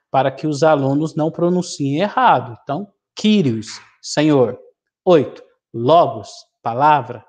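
A middle-aged man from Brazil teaching a vocabulary lesson, reading a word list slowly and explaining each entry. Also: fairly high pitch, a little mellow. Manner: slow, deliberate reading of word lists with explanations. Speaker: Greek teacher.

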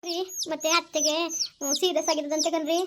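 A woman's voice: high voice, level tone, fast, background noise, close to an everyday voice. A woman playing a kind young sister-in-law who soothes and persuades her family in an amateur village drama. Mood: soothing.

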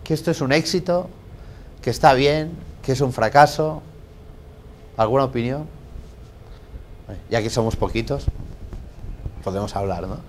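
A man giving a business lecture to a small audience. He keeps asking rhetorical questions and checking in with "¿de acuerdo?", and his phrases swing between loud and quiet. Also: mid-range voice, a little slow, pauses often, a little hiss or hum. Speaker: guest lecturer at a business talk.

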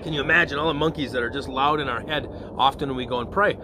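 Over a noisy background, this parish priest talks quickly in a medium pitch with fairly even intonation. His evening prayer reflection is informal and chatty, peppered with "okay?" and "all right?" to check on his listeners.

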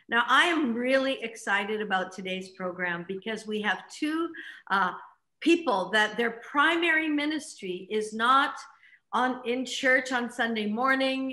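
Bright, enthusiastic woman host on a video call. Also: a little high. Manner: enthusiastic, chatty with many fillers. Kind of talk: online interview chat. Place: living room at home. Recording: echoey room.

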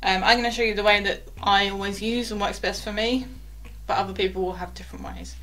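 A fast-talking young woman, a sailing instructor, keeps a steady tone in her mid-range voice while chatting through knot-tying step by step. Quiet asides slip in as she handles the rope, and she's filmed close up in a small wooden cabin.

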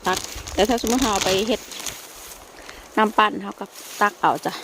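A woman's voice: medium pitch, moderate pace, a bit bright. Woman vlogger with a Sakon Nakhon Isan accent, chatty and explanatory, recorded outdoors in a forest with faint background noise. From Sakon Nakhon, northeastern Thailand. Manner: chatty, explaining as she goes, addressing viewers. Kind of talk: casual vlog commentary to viewers.

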